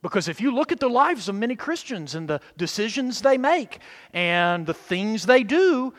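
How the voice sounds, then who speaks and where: High-pitched male TV-style preacher, big hall reverb. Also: sing-song, normal speed. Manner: emphatic, swinging from hushed asides to loud declarations; seeks affirmation from congregation with short questions. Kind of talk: sermon in the manner of a TV preacher.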